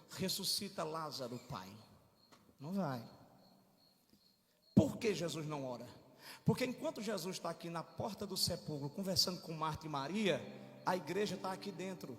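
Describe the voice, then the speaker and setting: A male pastor preaching a sermon with dramatic swings from hushed tones to shouts, backed by music. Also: sits high, expressive, normal speed. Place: church. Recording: reverberant hall with music behind.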